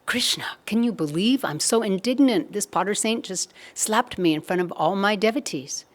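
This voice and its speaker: A woman voicing an indignant, pleading young male devotee in a spiritual story, her voice raised and pushed higher. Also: normal speed, a little mellow, natural voice. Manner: outraged then begging, voice raised.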